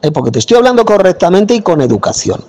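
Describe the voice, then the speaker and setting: A man from preaching in a forceful, scolding way, speaking with authority into a phone. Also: sits high, big pitch swings, fast, in a large hall. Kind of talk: combative preaching monologue. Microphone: phone mic.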